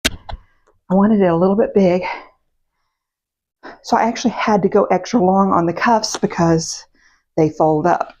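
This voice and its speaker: A woman chatting casually to her camera as a vlog host, her voice still a little rough in the morning, meandering with fillers and self-corrections. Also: mid-range voice, steady tone, measured pace, pauses often, darkish tone. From United States. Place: home, indoors. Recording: dull, muffled sound.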